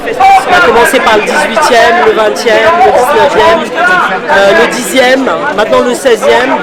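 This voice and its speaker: An activist giving a spontaneous, insistent and repetitive street interview at a protest. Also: mid-range voice. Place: busy public protest in Paris. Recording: busy crowd noise around the voice.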